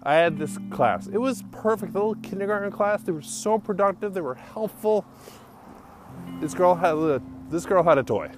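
A man's voice: sits high, animated, normal speed. A young man hosting his own podcast, telling casual stories while walking outdoors, rambling with lots of "like" and frequent laughs. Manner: rambling, full of "like" fillers, laughs often. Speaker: solo podcast host. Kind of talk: casual storytelling monologue. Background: guitar music.

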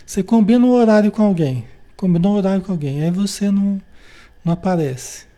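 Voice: medium pitch, fairly quick, mellow. A teacher with a Brazilian accent giving an informal spiritual lesson. The teacher keeps checking in with the group through tag questions and acts out short everyday dialogues. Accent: Brazilian Portuguese.

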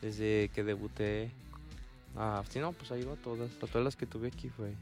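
A man's voice: lowish voice, fairly even intonation, normal speed, a little mellow, soft background music. A man with a Mexican accent who boxes, telling stories in a slangy, casual way. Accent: Mexican Spanish. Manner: slangy, storytelling. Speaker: boxer. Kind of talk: casual conversation.

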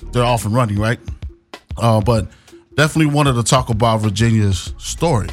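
A man's voice: mid-range voice, fairly quick, faint music behind. A man co-hosting a radio talk show from a studio, talking casually and rambling with many fillers.

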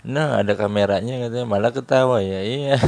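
A man's voice: on the low side, moderate pace, gravelly, a little mellow, no room sound. Guy joking around, slangy teasing banter, lots of laughing, dry close sound. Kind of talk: casual chat.

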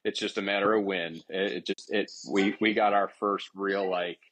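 A man in his thirties, a podcast guest, telling a rambling story in a relaxed way with restarts and chuckles. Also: sits low, normal speed, crowd noise, low-quality recording. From Ohio. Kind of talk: casual storytelling.

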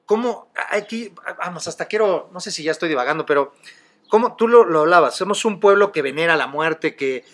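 Expressive and a little fast, a middle-aged Mexican-accented podcast host tells stories in a slightly high, somewhat bright voice. The talk is casual and chatty, with frequent easy laughter.

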